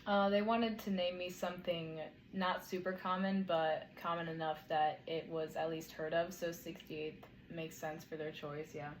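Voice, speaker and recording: A young adult answering interview questions briefly and plainly, pausing often with ums. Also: mid-range voice, flat delivery, roomy sound, a little hiss or hum, rough recording.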